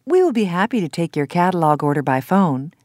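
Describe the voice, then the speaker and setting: A woman playing a phone menu announcer, reading scripted options in a measured, instructional manner. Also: on the low side, big pitch swings, darkish tone, no echo, clean studio sound.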